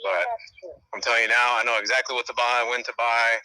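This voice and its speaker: A man's voice: medium pitch, little pitch movement, a little fast, gravelly, pushed and bright, smooth, no room sound, low-quality recording. A man phoning a show from a station, chatting in easygoing slang, with a hollow, tunnel-like sound to the call. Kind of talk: casual chat.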